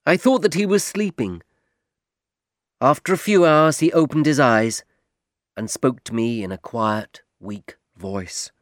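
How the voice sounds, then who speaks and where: A man narrating an audiobook in a careful, measured reading voice. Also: mid-range voice, lively intonation, no echo, studio quality.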